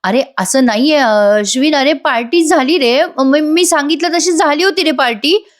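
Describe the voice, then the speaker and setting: A woman's voice: sits high, moderate pace, voice pushed up, natural voice. A woman voicing a frightened young wife who pleads and stammers when she is caught lying. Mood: pleading.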